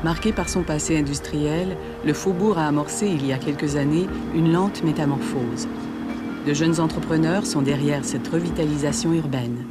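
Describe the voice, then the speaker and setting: A narrator reading measured, informative documentary narration. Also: medium pitch, loud music behind the voice.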